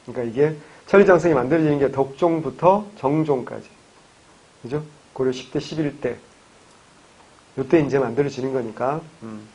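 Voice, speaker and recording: A history lecturer from Korea's Gyeongsang province teaches an exam-prep course, firing questions at the class and answering them himself. His mid-range voice is a little mellow and husky at normal speed, recorded in poor audio.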